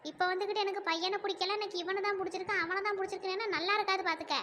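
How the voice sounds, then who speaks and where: A woman's voice: extremely high pitch, fairly even intonation, rapid-fire, pushed and bright, slight background noise. A woman voicing a stern, scolding village mother in a cartoon who nags and threatens her daughter. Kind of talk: cartoon dub acting.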